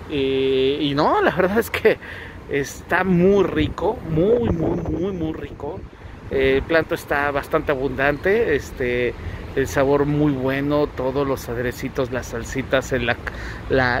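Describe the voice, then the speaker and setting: A man's voice: a little high, background noise. A man with a Mexican accent casually reviewing a restaurant for his travel vlog, talking hesitantly with lots of fillers and repeats, recorded outdoors by a street. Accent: Mexican Spanish. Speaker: travel vlogger.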